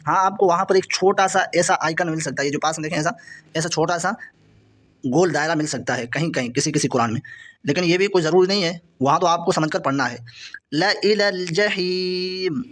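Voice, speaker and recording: A man teaching Quran reading, drawing out each example word slowly and then explaining it quickly and repetitively. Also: on the high side, fairly bright tone. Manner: reads example words slowly and drawn out, then explains rapidly; repetitive, patient step-by-step pointing. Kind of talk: explaining a lesson.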